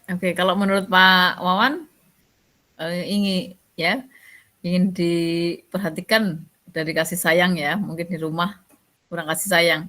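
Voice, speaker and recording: A woman's voice: on the low side, steady tone, unhurried, pauses often, sharp tone. A woman leading a group discussion among teachers, summing up and inviting others with brief prompts. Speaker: discussion moderator.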